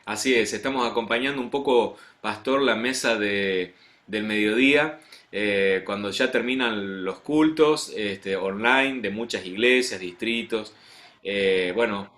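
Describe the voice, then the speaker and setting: A man with an Argentine Spanish accent hosts an interview show as a pastor, warmly greeting viewers and putting questions to his guest. His voice sits on the low side, moves a little slowly, and has a fairly bright tone. He's friendly and speaks straight to the audience.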